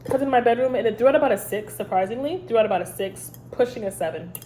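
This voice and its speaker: Congested from a head cold, this candle review channel host talks fast in a slightly high, warm voice. Her casual vlog chatter rambles along, peppered with ums, over a little hiss or hum.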